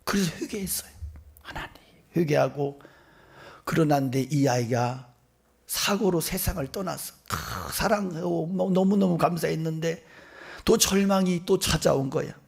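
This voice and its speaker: A middle-aged male pastor preaching a sermon, telling stories with acted-out voices that swing from whispers to loud bursts. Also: a little high, measured pace, vocal fry, husky. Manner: animated storytelling, acting out voices, swinging between whispers and loud outbursts. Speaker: senior pastor.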